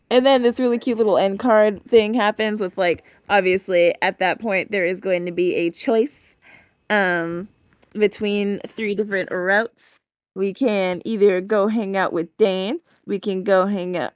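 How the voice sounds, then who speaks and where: A woman chats loosely about a game demo, stumbling through fillers and restarts. Her voice is smooth and resonant, recorded close and dry with no room sound, at an ordinary middle pitch. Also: no room sound. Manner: chatty, many fillers and restarts, acts out quoted lines. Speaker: podcast co-host. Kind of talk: casual chat recapping a game demo.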